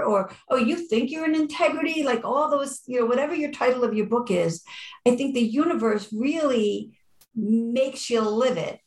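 A woman in her sixties who talks in a lively, storytelling way, playing out the voices of people she quotes. Her voice sits at a middle pitch. The recording has a roomy echo around it. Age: 60s. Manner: animated storyteller, acts out quotes. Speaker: guest, life coach. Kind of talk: casual interview talk.

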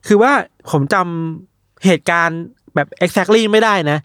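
A man's voice: high voice, a little slow, no room sound, clean studio sound. A man casually retelling strange news stories to friends, acting out the people in them. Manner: animated retelling with quoted voices. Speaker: storyteller of odd news. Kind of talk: casual chat.

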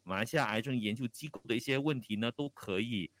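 A man's voice: medium pitch, fast talker, fairly bright tone, a little hiss or hum. A man with a Malaysian Chinese accent hosting a live radio chat, casual and a bit hesitant in his phrasing as he switches between languages. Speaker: radio host.

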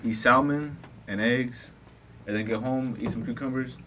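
A man's voice: medium pitch, moderate pace, noisy background. A young man chatting casually in slang, often tagging phrases with bro, dog or you know. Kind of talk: casual group chat.

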